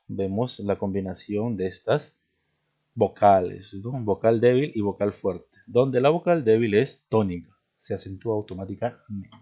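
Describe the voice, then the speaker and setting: A man with a fairly low voice teaches a recorded grammar lesson, explaining patiently and pausing to check in with his listeners. He lingers on each example word and stresses it carefully. The recording sounds muffled and lo-fi. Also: dark tone. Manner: explanatory, repeats "¿de acuerdo?" and "¿no?" as check-ins; spells out words slowly, stressing each example. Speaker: language teacher. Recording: dull lo-fi recording.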